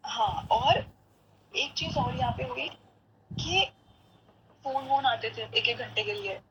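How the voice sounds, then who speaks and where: A woman with a somewhat high voice tells a family story on a podcast in relaxed, chatty fashion. She acts out the lines of the people in her story, keeps asking her listener "right?", and slips English phrases into her talk. A faint hum of background noise sits under her voice. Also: slow, poor audio. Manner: mixes English phrases into Hindi. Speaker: podcast guest. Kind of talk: casual storytelling chat.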